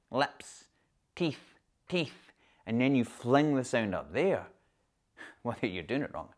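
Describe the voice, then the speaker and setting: A man from Glasgow with a Glaswegian Scottish accent, coaching viewers on their voice in an online lesson and saying example words aloud to show them. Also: mid-range voice. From Glasgow, Scotland. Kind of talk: online instructional video.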